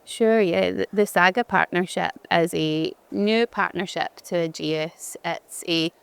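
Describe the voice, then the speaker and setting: A woman from Glasgow, Scotland, with a strong Glaswegian accent speaks in a low, smooth voice, unhurried and fairly even in intonation. A head of digital experience and guest at a conference fireside chat, she's chatty and easygoing, often restarting sentences and using fillers.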